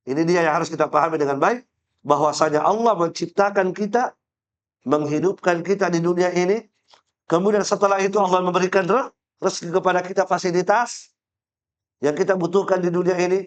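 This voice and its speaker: A man's voice: sits high, fairly even intonation, fairly quick. A man from Indonesia teaching a religious study class. He tells a story, acts out the people in it, repeats key phrases and often checks with listeners whether they follow. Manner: storytelling, acts out quoted voices, asks listeners "paham?"; explanatory, repeats phrases for emphasis. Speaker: Islamic teacher.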